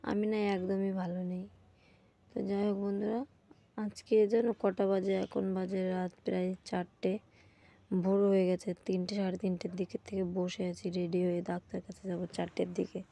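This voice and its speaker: A woman's voice: mid-range voice, level tone, a little fast, creaky, warm tone. A young woman, talking in a casual daily vlog at home while she feels sick and has a sore throat. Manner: tired and unwell, talking through her day. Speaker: vlogger. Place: at home, indoors.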